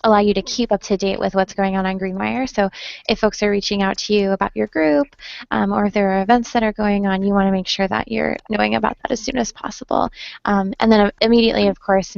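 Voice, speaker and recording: A young woman leads an online screen-share training over a video call, her mid-range voice brisk and creaky with fairly even intonation and no room sound. She's friendly and says "um" a lot, and her computer mic gives the call dull, lo-fi audio.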